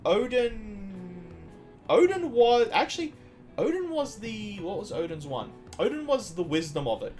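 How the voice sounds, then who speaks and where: A man's voice: fairly high pitch, a little mellow. A man from Iceland streaming a game, chatting casually and drifting into long trivia asides with frequent restarts. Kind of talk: casual gameplay commentary.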